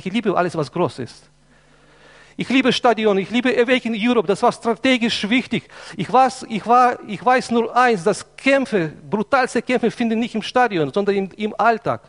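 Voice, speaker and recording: A man with a high voice preaches a fervent sermon, stressing and repeating his points. His German phrasing sounds slightly non-native. A long reverb trails each phrase, as in a church hall. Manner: impassioned, emphatic preaching with repetitions.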